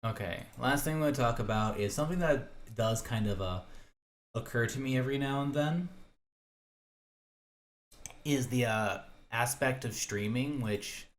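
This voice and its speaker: A young man with a medium-pitched voice hosts a solo podcast, rambling casually and hesitantly. He thinks out loud, pausing often and restarting his sentences.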